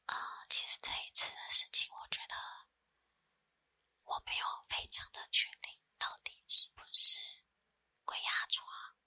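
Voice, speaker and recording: Woman, Taiwanese Mandarin accent, whispered ASMR storytelling, breathy, soft unhurried delivery with pauses, dry close-mic sound. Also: dry recording. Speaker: ASMR creator. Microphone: close ASMR microphone.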